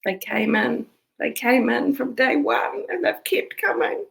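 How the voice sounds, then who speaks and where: Kiwi woman, community manager talking straight to her members, earnest and emotional, bit of a gravelly fry in the voice. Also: on the high side, expressive, a little slow, low-quality recording. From New Zealand. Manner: emotional, earnest, tearful at times. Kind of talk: heartfelt personal address to camera.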